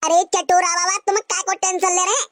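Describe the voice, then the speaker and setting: Woman, very high voice, dry sound, comic village sketch in rural dialect. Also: flat delivery, a little fast, dry recording.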